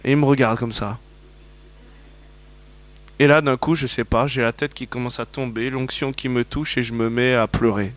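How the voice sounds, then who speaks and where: A man preaching a sermon, telling personal stories in a conversational way and often asking the congregation whether they agree. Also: mid-range voice. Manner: storytelling, conversational, asks the audience questions.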